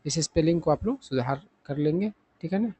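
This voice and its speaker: A man's voice: a little high, expressive, fairly quick, mellow, breathy edge. A man teaching English vocabulary in Hindi, often checking in with his listeners and asking questions that he then answers himself. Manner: repeats "ठीक है ना" as a check-in. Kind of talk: vocabulary lesson explained in Hindi.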